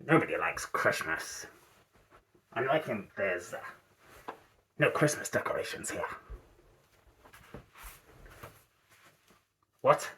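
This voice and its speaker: A man's voice: mid-range voice, pushed and bright, full character voice. Man playing a grouchy, theatrical Grinch storyteller. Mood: grumpy, reluctant. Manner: grouchy, theatrical, repeats words with mounting emphasis. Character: grumpy, sour male Grinch, Christmas-hating monster, sneering and theatrical. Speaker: storybook reader in character. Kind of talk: animated children's storybook reading.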